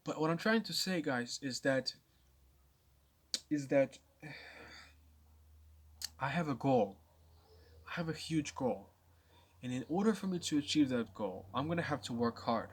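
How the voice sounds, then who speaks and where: A man's voice: medium pitch, animated, a little slow, long pauses, breathy edge. A nineteen-year-old man vlogging to his viewers, rambling and restarting often as he thinks aloud. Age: late teens. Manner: rambling, with many restarts and stammers. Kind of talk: casual talk to camera.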